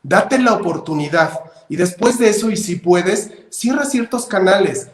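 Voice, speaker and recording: A man with a Mexican accent speaking on an online panel. He gives calm, encouraging advice with everyday examples. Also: high voice, normal speed, reverberant. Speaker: panelist, designer and artist.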